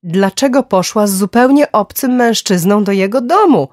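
A woman's voice: medium pitch, animated, normal speed, darkish tone, dry recording, clean studio sound, voice pushed up, lightly acted. A woman voicing a curt, cold, angry husband in an audiobook thriller.

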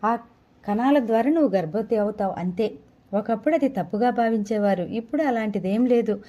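A woman's voice: fairly high pitch, brisk, mellow, natural voice. A woman reading the part of a kindly woman doctor who explains things patiently and reassuringly.

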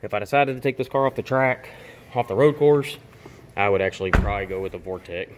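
At a quick pace and fairly low pitch, a man tours his home garage workshop for a handheld camera, rambling and informal with fillers and restarts. Slight background noise is audible.

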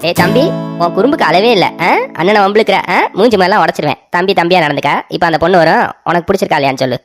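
A woman's voice: fairly low pitch, very fast, dry recording, studio quality, faint music behind, close to an everyday voice. A woman voicing a bossy, melodramatic older brother in a cartoon story, talking in a scolding, blustering way. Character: bossy, self-pitying elder brother, grown man.

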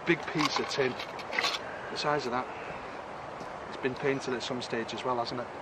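A middle-aged man chatting excitably to his viewers while magnet fishing outdoors in a river, filmed on a camera. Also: medium pitch, normal speed, very noisy. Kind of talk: casual outdoor commentary. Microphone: camera on a tripod or handheld.

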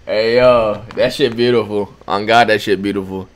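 A man's voice: lowish voice, fairly even intonation, normal speed, a crowd in the background. A young man streaming his reaction to a rap album, talking casually with heavy slang and lots of repeated exclamations. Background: music playing.

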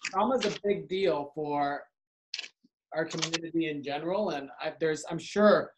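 A man's voice: fairly high pitch, normal speed, noisy background. A man who works for a community organization, talking earnestly and reflectively in a casual conversation.

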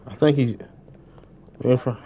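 Heard through dull, lo-fi stream audio, this live game streamer speaks at a measured pace in a medium-pitched voice. The young adult man keeps it casual and slangy, frequently repeating himself.

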